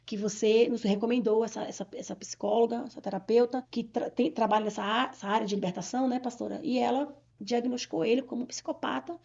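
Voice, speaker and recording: A woman from Bahia, Brazil, tells her personal testimony at a rapid pace. Her voice sits fairly high, and she often restarts her sentences. The recording sounds dull and lo-fi. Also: steady tone, gravelly, a little mellow. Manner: fast, earnest, with many restarts. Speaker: interviewee giving a testimony.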